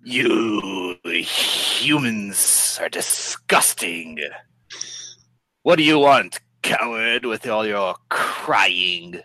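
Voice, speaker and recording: A sneering Klingon jail guard growls out his disgust at the prisoners, slow and low, as a man puts him on. The voice sounds bright and sits close and dry. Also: animated, no echo, heavily acted, rough recording.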